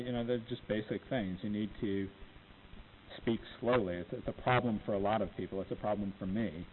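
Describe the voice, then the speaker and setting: A man lectures law students informally on appellate oral argument from a podium microphone. He has a low voice he calls not dynamic, and he speaks plainly and unhurriedly, with many ums. The audio is tinny and phone-like, with a faint hiss.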